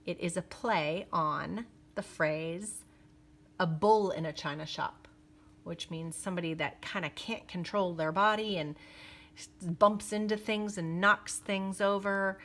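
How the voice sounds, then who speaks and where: Reading a children's picture book aloud, this woman uses a fairly low pitch and a deliberate, expressive storytelling delivery.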